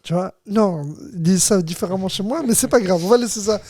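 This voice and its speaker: High-voiced man with a Rifian accent. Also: fast, mellow. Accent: Rifian Moroccan. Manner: storytelling, says "tu vois" often, laughs easily. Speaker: podcast host. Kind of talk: casual studio podcast chat. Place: small warm studio.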